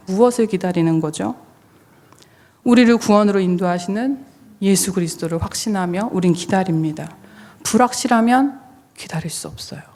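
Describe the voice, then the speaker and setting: A woman pastor with a mid-range, darkish voice explains her sermon and poses questions straight to listeners. Recovery has left her voice somewhat strained and restricted to its low register, and the church sanctuary gives the recording a long, reverberant hall sound.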